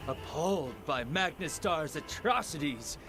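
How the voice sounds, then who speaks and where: A man's voice: fairly high pitch, lively intonation, unhurried, music in the background. An actor playing a greedy, scheming male rebel officer with a wheedling, theatrical manner. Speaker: game character.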